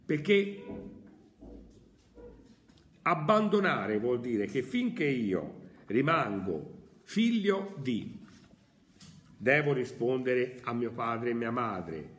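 A man's voice: mid-range voice, sing-song, very slow, long pauses, a bit bright, a little hiss or hum. A male philosophy teacher giving an emphatic, theatrical lecture with rhetorical questions. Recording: echoey room.

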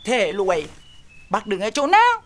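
A man's voice: high-pitched, huge pitch swings, normal speed. An actor playing a vain, frightened young husband who tells his woes dramatically in a comedy film. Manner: dramatic, exaggerated storytelling. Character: vain, scared young village husband, grumbling. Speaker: henpecked husband. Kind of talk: Tet comedy film acting.

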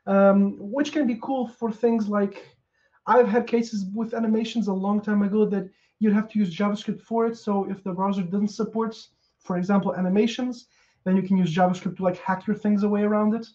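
A man from Portugal in his thirties speaks a little fast in a high, mellow, warm voice while giving a relaxed technical conference talk into a headset from a small room at home. He fills gaps with ums and uhs, and the sound is dull and lo-fi, like video-call audio.

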